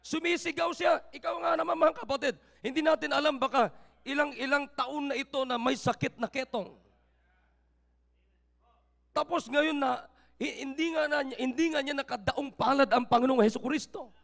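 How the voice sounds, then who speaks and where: A male pastor preaching a sermon, mixing Tagalog with English scripture quotes and rising to shouts. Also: very high-pitched, moderate pace, gravelly, long reverb tail. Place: church sanctuary.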